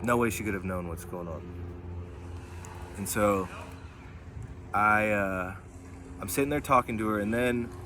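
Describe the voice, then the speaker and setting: A man's voice: fairly low pitch, a little slow, long pauses, slight background noise. A man telling a personal testimony in a vlog, rambling, with lots of fillers, and often checking in with "right?". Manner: rambling, filler-heavy, keeps asking "right?". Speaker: vlogger.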